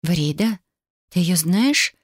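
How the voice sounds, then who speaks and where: A woman's voice: lively intonation, slow, dry recording, clean studio sound. A woman voicing a nervous, giggly young female elf in an audiobook. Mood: wary. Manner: bursts into shrill laughter.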